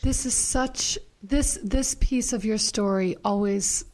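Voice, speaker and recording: A woman's voice: mid-range voice, slow, a little mellow, rough recording. A woman hosting an interview, responding in an engaged, emotive way. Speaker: host. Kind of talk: conversational interview.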